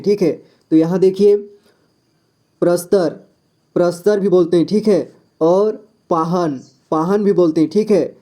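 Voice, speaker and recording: A man with a high voice and a very dark, mellow tone teaches a vocabulary lesson. He works slowly through lists of words and pauses often to check in with his students. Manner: repeats "ठीक है" after each point, slow and deliberate. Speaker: Hindi teacher. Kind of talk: classroom lesson listing words.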